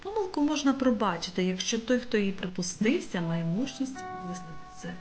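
A woman teacher narrating a scripted lesson, speaking directly to her students with clear instructions. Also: mid-range voice, very animated, fairly quick. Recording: loud background guitar music. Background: loud guitar music.

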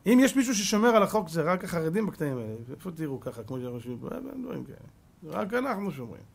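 A man in his fifties delivers a Torah sermon as a rabbi, firing rhetorical questions at his listeners. His voice is husky and sits a little high. He scolds and swings between hushed asides and emphatic lines. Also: big pitch swings. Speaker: rabbi giving a lecture.

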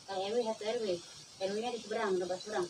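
A woman's voice: mid-range voice, steady tone, rapid-fire, a little mellow, slight background noise, low-quality recording. A local woman chatting casually outdoors in a village, picked up on a camera mic nearby and talking over the man filming. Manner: chatty, talks over the other speaker. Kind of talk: casual conversation.

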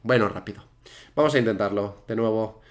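A young man giving casual let's-play commentary as a gaming YouTuber. He is chatty and excitable, and he repeats words in rapid bursts. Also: on the low side.

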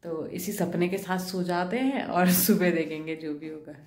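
A woman with a slightly low voice talks casually into a handheld phone camera at home. She chats directly with her viewers and with her young son in a relaxed, everyday way. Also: normal speed, echoey room. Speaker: vlogger and mother. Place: at home, indoors.

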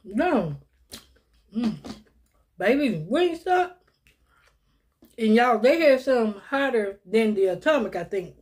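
A woman's voice: on the high side, lively intonation, unhurried, darkish tone. A woman, chatting casually to viewers while eating in a mukbang vlog, calling them y'all and little sis. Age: 50s. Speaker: mukbang vlogger.

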